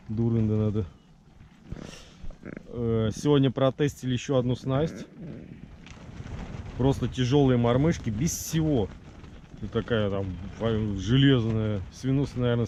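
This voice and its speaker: A man's voice: mid-range voice, a little slow, pauses often, dark tone. A man hosting an ice-fishing vlog, chatting casually in colloquial, grumbling speech with mild slang curses, with wind hitting the mic. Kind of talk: casual vlog chat to camera while fishing. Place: windy frozen outdoors, in and around a fishing tent. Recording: noisy outdoor recording, wind on mic. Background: wind and outdoor noise.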